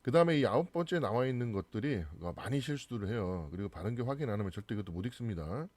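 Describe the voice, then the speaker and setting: A man's voice: medium pitch, expressive, fast talker, darkish tone, dry recording. A man with a Korean accent teaching English pronunciation, patiently explaining and repeating each word twice. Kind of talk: classroom pronunciation lesson.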